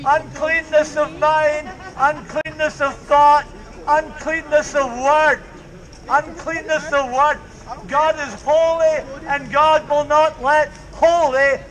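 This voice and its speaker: Recorded from a distance outdoors, an older street preacher in a market square speaks with a very high, level voice at a slow pace, slightly bright, over a faint crowd. He preaches fervently and repetitively into a handheld mic and speaker while the camera stays far off.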